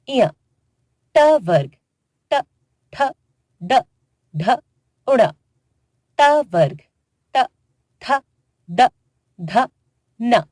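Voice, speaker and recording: A woman narrating a children's grammar lesson in a slow, deliberate way, spelling out letters one by one. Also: mid-range voice, a little mellow, husky, no room sound, clean studio sound. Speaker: grammar teacher. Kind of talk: scripted educational narration for children.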